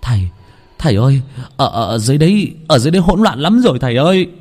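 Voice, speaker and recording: A man's voice: medium pitch, very animated, quick pace, darkish tone, in a large hall, voice pushed up. A man voicing a panicked young apprentice who stammers out urgent news.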